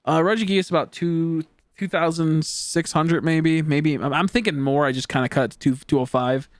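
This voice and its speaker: A man's voice: fairly high pitch, fairly even intonation, moderate pace, dry recording. A teenage boy streaming a game, chatting casually and rambling, often trailing off into mumbles. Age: teens. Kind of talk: casual chat while gaming.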